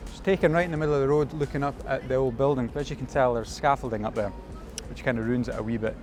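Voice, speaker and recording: A man's voice: mid-range voice, steady tone, fast. Scottish male vlogger, casual and rambling, outdoor city streets with music bed. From Scotland. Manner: chatty, loose and rambling, with fillers and Scottish words. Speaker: photography vlogger. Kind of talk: casual walking vlog.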